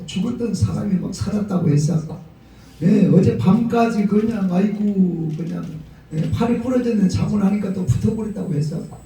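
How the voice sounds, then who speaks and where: Gyeongsang-accented man, storytelling preacher, dark gravelly tone, booming hall echo. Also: normal speed, far from the mic. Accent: Gyeongsang Korean. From Gyeongsang region of Korea. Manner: lively storytelling preacher, acts out quotes. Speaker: pastor. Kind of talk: sermon. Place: prayer retreat hall. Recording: very echoey hall, voice from off the mic.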